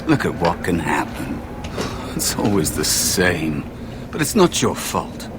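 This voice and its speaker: An actor playing a wary, sorrowful spirit of a lost young apprentice in a fantasy video game, hesitant and cautionary. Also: male voice, deep voice, big pitch swings, slow, background noise, exaggerated voice. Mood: bitter, resigned.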